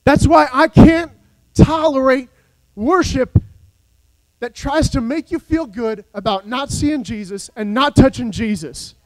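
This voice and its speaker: High-voiced impassioned male preacher. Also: measured pace, no room sound, rough recording. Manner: impassioned, wide swings between soft and shouted. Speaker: pastor. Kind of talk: sermon.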